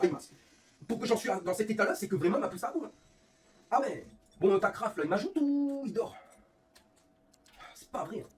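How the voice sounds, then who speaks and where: Fuming fast-talking man. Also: high voice, far from the mic. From northern France. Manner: fuming, swearing constantly, rapid and animated. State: sick with a fever, voice affected. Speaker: streamer and league organizer. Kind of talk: angry live-stream rant. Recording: faint room ambience, off-mic.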